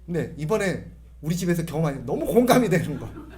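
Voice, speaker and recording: A man's voice: a little high, very animated, quick pace, a little mellow. A middle-aged male pastor giving a humorous sermon, imitating voices and having the congregation repeat phrases after him.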